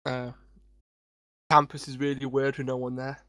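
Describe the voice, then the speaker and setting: A man's voice: medium pitch, level tone, moderate pace, pushed and bright, no room sound, clean studio sound. A young man from England co-hosting a casual podcast chat, talking while he eats in a laid-back way. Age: young adult. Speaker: podcast co-host. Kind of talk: casual chat over a call.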